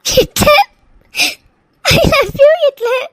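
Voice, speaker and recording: A woman's voice: very high-pitched, extremely slow, dry recording, studio quality, heavily acted. A woman voicing a sweet, remorseful young wife in a cartoon drama, apologetic and weepy. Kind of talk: tearful cartoon drama voice acting.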